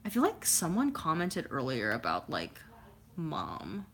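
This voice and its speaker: On a livestream from home, a woman in her twenties reads through the chat in a rambling way, full of fillers and silly sound effects. Her low voice swings hugely in pitch at a measured pace, with a little hiss or hum in the audio.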